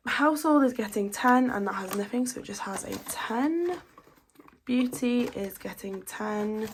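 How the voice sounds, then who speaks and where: Gravelly and medium in pitch, a woman's voice chats casually as she counts cash aloud note by note. She is a budgeting vlogger in her 20s with a slight cold that leaves her a little blocked up, and slight background noise can be heard.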